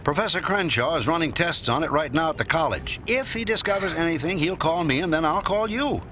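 An actor playing a patient, sensible man who keeps others calm, in a radio drama. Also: fairly high pitch, brisk, slight background noise. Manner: level-headed, patient.

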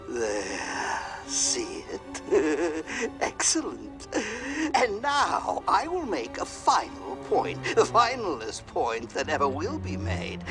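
A man's voice: sits high, full character voice. A man playing a cackling mad-scientist villain. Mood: grandiose. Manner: gloating, theatrical, frequent cackling. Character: scheming male wrestling-manager mad scientist villain. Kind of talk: comedic audio drama acting.

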